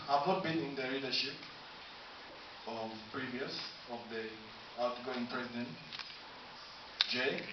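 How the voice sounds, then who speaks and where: A man from Tanzania stands in a university room and delivers a formal campaign speech for student council, laying out his points one by one with slow pauses. The camera picks him up from a distance, so his voice rings through heavy room echo. The sound is dull and carries a steady hiss. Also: medium pitch. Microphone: camera from afar, no mic.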